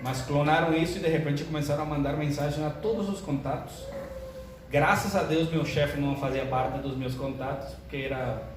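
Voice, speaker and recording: An older man, a pastor, opening his sermon with jokes in a chatty, animated way. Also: a little high, normal speed. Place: church sanctuary. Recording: echoey church hall, distant mic, room noise.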